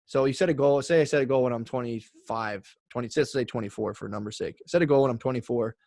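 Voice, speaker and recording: A man's voice: medium pitch, fast talker, a little mellow, no echo, studio quality. A man in his thirties, a podcast guest talking in a rambling casual way with many fillers. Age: 30s.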